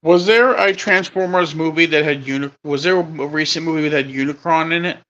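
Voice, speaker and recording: Excitable and prone to wandering off and backtracking, a thirty-something co-host chats casually in a brisk, fairly high voice. The recording itself is muffled.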